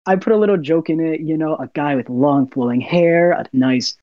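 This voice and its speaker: A young man, a university student, chatting as an interview guest, soft-spoken and quick to laugh as he acts out little scenes. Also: fairly high pitch, no echo, lo-fi sound. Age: young adult. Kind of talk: casual interview chat.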